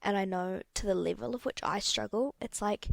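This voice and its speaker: A young woman hosts a casual solo podcast, speaking candidly at a moderate pace with a mid-range, gravelly voice. She rambles a bit and corrects herself as she goes, and the recording is dry.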